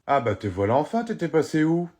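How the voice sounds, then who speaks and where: Husky man acting comedy sketches. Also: fairly high pitch, big pitch swings, brisk. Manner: plays several characters, shouting when outraged.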